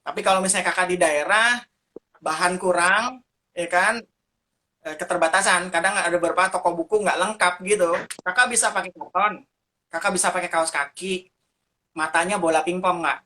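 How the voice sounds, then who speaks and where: A man's voice: high-pitched, normal speed, long pauses, sharp tone. A man answering interview questions as a teacher of puppet ministry, talking animatedly and showing how to do voices as he explains.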